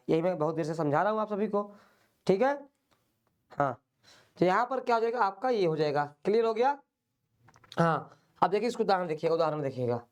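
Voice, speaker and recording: Man drilling a grammar lesson. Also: sits high. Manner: drills by repeating questions and answers; plain, patient explaining. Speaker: exam-prep teacher. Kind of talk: online lecture.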